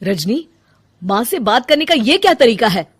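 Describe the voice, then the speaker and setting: A woman's voice: on the high side, very animated, moderate pace, slightly rough. A woman voicing a caring young husband who coaxes his upset wife. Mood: coaxing. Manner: coaxing, gentle.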